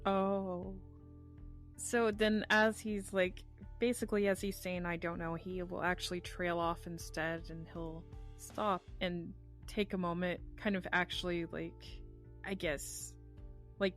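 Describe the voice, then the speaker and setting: A woman's voice: lowish voice, little pitch movement, slow pace, soft background music. A woman player role-playing her character in a tabletop game, hesitant and stammering at times.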